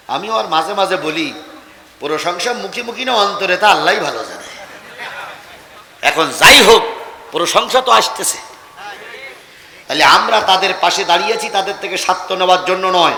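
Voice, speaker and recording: A man preaching to a gathered crowd, his high, piercing voice ringing out through a reverberant PA with a long hall tail. He drops into quieter asides, then climbs into shouted exhortations. A faint crowd murmur and ambient noise sit underneath. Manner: swings from calm asides to loud shouted exhortation. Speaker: preacher at a political rally. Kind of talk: fiery sermon.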